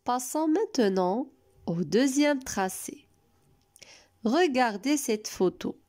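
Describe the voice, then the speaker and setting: A woman teacher giving a recorded lesson to young children, spelling out letters and syllables slowly and praising often. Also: fairly high pitch, expressive, a little mellow. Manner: slow and carefully spelled out, encouraging. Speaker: preschool teacher.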